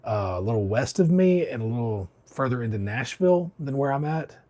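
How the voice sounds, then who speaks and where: A man's voice: mid-range voice, lively intonation, a little fast, dark tone. A man from Alabama, hosting a barber livestream, chatting casually and reading out comments while a bit under the weather. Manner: rambling, laid-back, many fillers and restarts.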